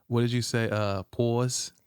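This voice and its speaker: A man's voice: medium pitch, level tone, a little slow, a little mellow, clear, resonant tone, no echo, studio quality. A man hosting a podcast from Georgia, chatting casually and teasing his guest. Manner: teasing, playful trash talk. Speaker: podcast host. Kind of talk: casual chat.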